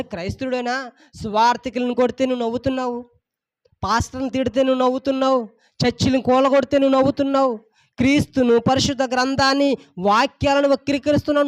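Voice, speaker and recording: A man's voice: very high voice, no room sound, studio quality. A male pastor delivering a sermon, repeating phrases with rising and falling intensity. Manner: emphatic, repetitive preaching with rising and falling intensity.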